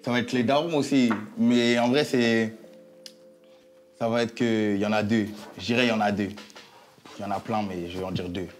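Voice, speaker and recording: A man hosting a relaxed chat with friends over dinner, talking in slang and repeating his phrases. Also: lowish voice, normal speed, faint music behind. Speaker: host.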